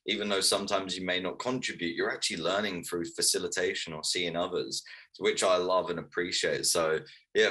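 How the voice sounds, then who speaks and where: A man's voice: sits low, sharp tone, rough recording. A man of thirty, telling his life story earnestly as an author guest in a casual interview. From Wales, raised in London. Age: 30s.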